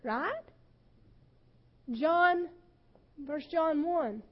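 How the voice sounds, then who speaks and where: Woman pastor, very high voice, slow deliberate sermon, voice breaks with feeling. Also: animated, dull audio. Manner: impassioned, voice breaking with emotion at times, swings loud and soft.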